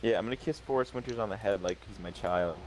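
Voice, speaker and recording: A man's voice: on the low side, fast, a little mellow, low-quality recording. A young man chatting casually and goofily with friends over voice chat while gaming. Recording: faint background noise.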